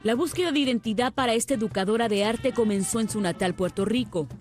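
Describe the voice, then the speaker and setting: A woman's voice: on the high side, quick pace, darkish tone, soft background music. A woman reporter reading scripted narration for a television news feature.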